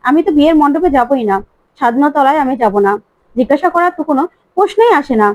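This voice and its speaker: A woman's voice: sits high, expressive, fast, a little mellow, no room sound, low-quality recording. A woman doing a stern, hurt mother. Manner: scolding, bitter.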